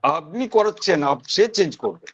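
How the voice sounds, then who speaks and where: A man's voice: a little high, lively intonation, moderate pace, a bit bright, breathy edge. A man with a West Bengal accent teaching priestly rites in an online class. He explains step by step and repeats single sounds to show how they are pronounced.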